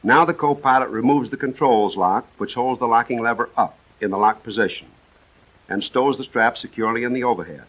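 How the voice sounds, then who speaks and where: An American man with a medium-pitched voice reads military instructions from a script on a dull, band-limited 1940s film soundtrack. His delivery is measured and precise, laying out each step in order.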